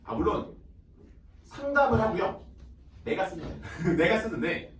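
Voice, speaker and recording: Lively male teacher in an echoey classroom. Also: high voice, a little hiss or hum. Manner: chatty, acts out students and teachers in quick quoted asides, laughs often. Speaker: high school math teacher. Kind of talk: casual classroom talk to students. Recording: roomy classroom sound from a distant mic.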